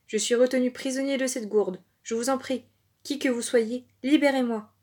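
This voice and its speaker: A woman's voice: high voice, steady tone, moderate pace, a little mellow, voice pushed up. A woman voicing a timid male rat trapped in a gourd, pleading to be freed. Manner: pleading, fearful.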